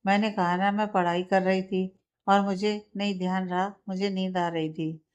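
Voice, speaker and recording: A woman voicing a stubborn, tired young woman who is studying for exams, with a sharp, stubborn way of talking. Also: mid-range voice, little pitch movement, normal speed, clear, resonant tone, highs cut off, lightly acted. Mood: irritated.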